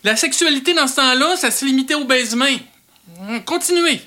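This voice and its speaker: A woman's voice: high-pitched, lively intonation, a little fast, pushed and bright. A woman voicing an exasperated male amateur theatre director with a Quebec French accent, who keeps correcting his actors.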